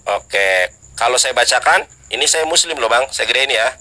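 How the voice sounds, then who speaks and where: On a video call, a Sundanese man from West Java, Indonesia, debates live, challenging and insistent as he pushes the other side, breaking into high, sung scripture chants. He sounds animated and bright, forceful, at normal speed.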